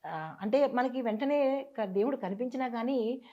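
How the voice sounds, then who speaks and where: Earnest woman telling a personal story. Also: fairly high pitch. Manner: earnest, halting, with restarts and repeats. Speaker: guest. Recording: dull lo-fi sound.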